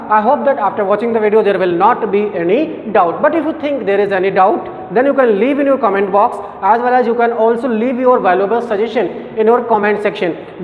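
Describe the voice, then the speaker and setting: High-voiced male teacher, echoey and tinny. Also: a little hiss or hum. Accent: Indian English. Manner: asks questions and answers them, calls students "beta". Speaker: biology teacher. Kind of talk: classroom lecture. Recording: echoey hall on a tinny lo-fi line.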